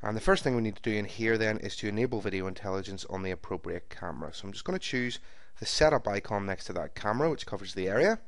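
A man with a fairly low voice narrates a screen-recorded software tutorial, guiding the setup step by step in a steady, methodical manner like a calm trainer. He talks at a quick pace, close to the microphone. The voice-over is dry, with almost no room around it and no echo.

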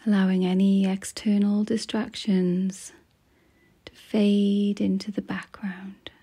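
A gentle meditation guide, she talks in a breathy hush that often verges on a whisper. Each phrase comes slowly and calmly, followed by a long pause, and her pitch rests in a mid range with hardly any variation.

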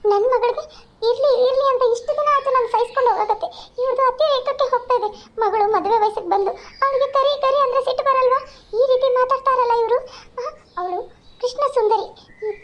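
A protective village mother from a cartoon, voiced by a woman, with a very high, quick voice. She pleads and protests on her daughter's behalf. The sound is slightly dull and lo-fi. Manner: pleading, indignant. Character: caring village mother defending her dark-skinned daughter. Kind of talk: cartoon voice acting.

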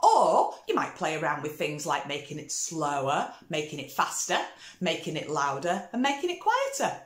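A woman's voice: low-pitched, huge pitch swings, moderate pace. Cheery lady music teacher for kids, bouncy voice, echoey room. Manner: upbeat, encouraging, call-and-response. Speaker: children's singing teacher. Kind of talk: music lesson for children. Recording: roomy echo.

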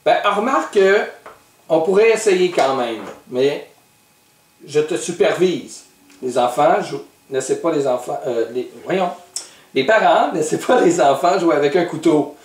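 A man's voice: fairly high pitch, expressive, a little slow, roomy sound, far from the mic. A man with a Québécois accent hosting a kids' cooking lesson, playful and teasing while patiently guiding a child step by step. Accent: Québécois French. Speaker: host of a kids' cooking show.

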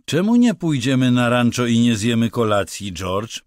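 A man voicing a slow, childlike giant of a man who talks in a simple, halting, eager way. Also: mid-range voice, very animated, no echo, clean studio sound, pitched above the performer's own voice, natural voice.

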